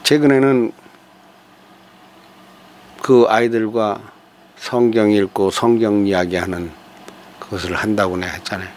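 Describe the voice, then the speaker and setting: A man's voice: fairly low pitch, steady tone, a little slow, long pauses, a little mellow. An older man hosting a talk, speaking in a folksy, digressive way with hesitant fillers and rhetorical asides. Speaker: host giving a talk on character and family. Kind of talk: rambling spoken commentary.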